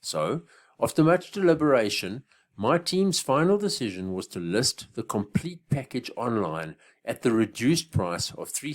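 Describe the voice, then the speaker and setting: A man pitching his business course in a persuasive, scripted sales style. His voice sits on the low side yet swings up and down with real liveliness, leaning hard on every number and deal. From Africa. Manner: persuasive, building up each price drop. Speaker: business coach selling an online course.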